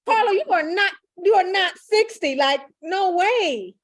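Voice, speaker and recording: Woman, very high voice, chatty host, encouraging, video call audio. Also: lively intonation, measured pace, no room sound, clean studio sound. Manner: chatty, encouraging, calls out participants by name. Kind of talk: casual group video call chat.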